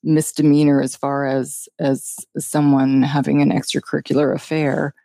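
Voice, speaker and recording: A middle-aged woman telling her personal story in a podcast, halting with many fillers and a wry edge. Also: low-pitched, level tone, vocal fry, warm tone, dry recording. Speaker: guest.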